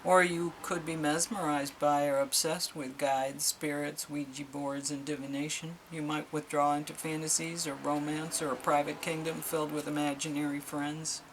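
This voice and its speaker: A woman's voice: deep voice, little pitch movement, normal speed, few pauses, slight background noise. A middle-aged woman doing a casual tarot reading, chatty and exclamatory as she reads card meanings aloud. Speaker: tarot reader.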